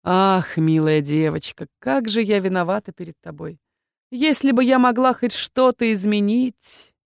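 A woman's voice: medium pitch, a little slow, vocal fry, dry recording, clean studio sound. A woman voicing a frail, doomed old warden. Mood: anguished. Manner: soft, pleading, resigned. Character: frail doomed former female warden, gentle. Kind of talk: audiobook character voice.

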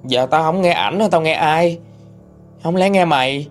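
A man's voice: a little high, a little slow, faint music behind, voice pushed up, lightly acted. A man voicing a devoted, submissive young woman who pleads and clings to her boyfriend. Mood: defiant.

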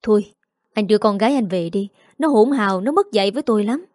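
A woman voicing a hot-tempered older mother-in-law, scolding shrilly and fast. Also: mid-range voice, expressive, a little mellow, dry recording, studio quality, lightly acted. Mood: dismissive.

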